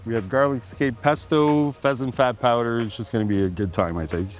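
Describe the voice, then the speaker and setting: A man's voice: on the low side, animated, fairly quick, darkish tone. A man, a chef and forager, casually explaining each ingredient as he cooks outdoors by the shore. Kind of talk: casual cooking demonstration.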